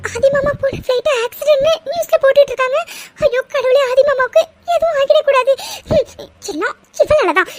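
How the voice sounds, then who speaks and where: A woman voicing a spiteful, jealous young woman in a cartoon, sharp and accusing. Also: very high voice, fairly quick, pauses often, dry recording, soft background music, voice pushed up. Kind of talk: cartoon voice acting.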